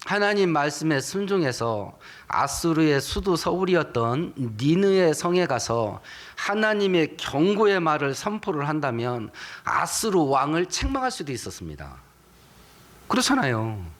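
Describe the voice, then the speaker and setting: A man's voice: fairly high pitch, big pitch swings, moderate pace, fairly bright tone. A male pastor preaching a sermon, emphatic and asking the congregation rhetorical questions.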